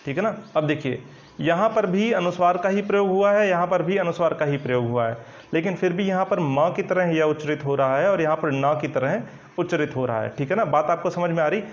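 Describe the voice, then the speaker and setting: A man teaching Hindi grammar in an online coaching lesson, explaining step by step while writing on a board, often checking in with "right?" and pausing with fillers. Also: fairly high pitch. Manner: explanatory, repeats "ठीक है ना" often, hesitant fillers. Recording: dull lo-fi recording.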